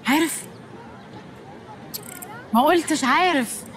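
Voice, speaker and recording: A woman's voice: high voice, takes it slowly, slight background noise. An actress playing an eccentric, blunt young woman with abrupt mood swings in a film comedy. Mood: deadpan.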